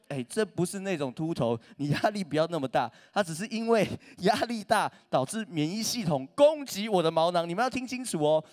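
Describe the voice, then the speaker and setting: A man, preaching a humorous sermon as a pastor, telling stories with self-mocking jokes. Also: a little high. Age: 30s. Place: church stage.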